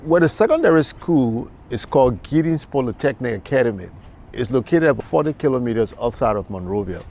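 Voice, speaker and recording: A man from Liberia, a math instructor speaking in an interview in a measured way with frequent fillers. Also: medium pitch, lively intonation, darkish tone, a little hiss or hum.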